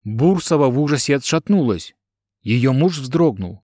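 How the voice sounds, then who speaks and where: A man's voice: mid-range voice, lively intonation, unhurried, dark tone, no echo. Man narrating an audiobook, dry sound. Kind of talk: scripted narration of a detective novel.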